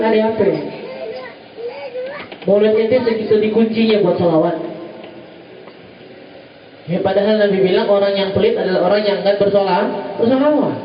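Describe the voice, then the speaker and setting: A man's voice: high voice, slight background noise. A man giving a sermon at a religious gathering, teasing in casual slang and mimicking voices. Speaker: preacher. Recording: distant, roomy, dull lo-fi recording.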